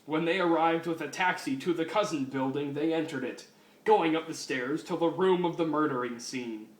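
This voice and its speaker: A man's voice: fairly high pitch, normal speed. A man giving a mock-dramatic comic reading of a fan story and breaking off for sarcastic asides. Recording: roomy, distant mic, faint noise.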